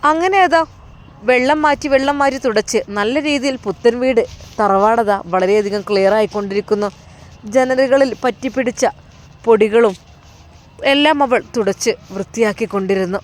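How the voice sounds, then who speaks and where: A woman narrating a family story with a Malappuram Malayalam accent, in an emotive storytelling manner. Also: a little high.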